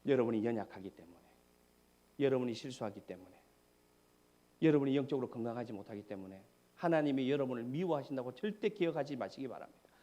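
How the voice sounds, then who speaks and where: A man preaching a sermon as pastor, asking the congregation questions and swinging between shouted climaxes and hushed whispers. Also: mid-range voice, lively intonation, fast. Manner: dramatic preaching, rising to shouts and dropping to whispers.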